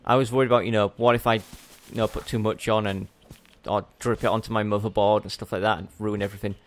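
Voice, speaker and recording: A man's voice: lowish voice, flat delivery, fast. Rambling young man narrating gameplay. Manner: rambling, self-correcting, chatty. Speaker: let's play host. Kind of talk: casual gameplay commentary.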